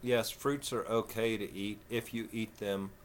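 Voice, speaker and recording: A man in his fifties with a Texan southern twang, talking slow and folksy in a rambling, casual vlog. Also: lowish voice, steady tone, a little hiss or hum. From Texas. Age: 50s. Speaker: vlogger.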